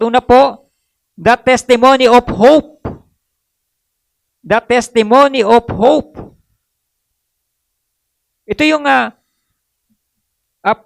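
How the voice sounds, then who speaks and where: A man's voice: very high voice, creaky, dry recording. Man, preacher giving a sermon, dry close sound, tag questions and fillers. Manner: switches between Tagalog and English, reads Bible verses slowly; adds frequent tag questions and filler hesitations. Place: church.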